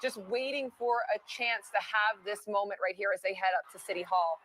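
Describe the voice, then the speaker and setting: A woman's voice: medium pitch, fairly quick, fairly bright tone, poor audio. A woman hosting live parade coverage as a commentator, with chatty banter. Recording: faint background noise.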